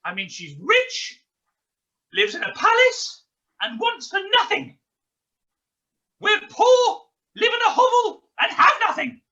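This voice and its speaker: A very high, swooping voice on a slightly dull recording, a fussy pantomime dame who dotes and exclaims theatrically. The comic delivery is bright and sharp. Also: female voice, big pitch swings, slow, long pauses, heavily acted. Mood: scolding, dramatic. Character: fussy, doting pantomime dame, poor widowed mother.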